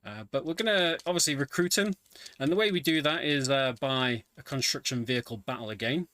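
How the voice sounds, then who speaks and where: Here a speedrunner talks through his own gameplay live, explaining as he plays with some hesitation. His mid-range voice is a little fast and a bit bright, with no echo, and video game music runs underneath.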